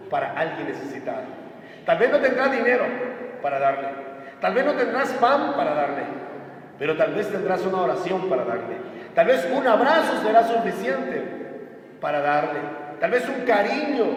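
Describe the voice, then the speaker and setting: A man preaching a conversational sermon, acting out voices as he retells stories. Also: high voice. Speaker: pastor. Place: church hall. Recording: echoey hall from far off.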